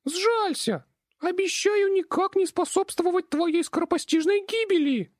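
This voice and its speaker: A tiny demon imp girl, squeaking and whining in a piercing high voice, forever begging her master for mercy, voiced by a male narrator. Her voice sits very high and close, in a dry room. It is a storybook reading. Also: measured pace, dry recording. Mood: pleading. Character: squeaky pleading female imp demon servant. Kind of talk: audiobook reading.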